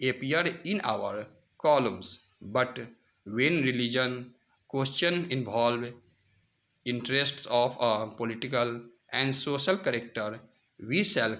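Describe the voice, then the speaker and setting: A man dictates formal prose at a slow, measured speed for someone taking it down. He breaks sentences into short chunks and pauses between them. His voice is bright and forceful, at an average male pitch. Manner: dictating in short, separated phrases with pauses for writing. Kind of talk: dictating, reading aloud a newspaper editorial at measured speed.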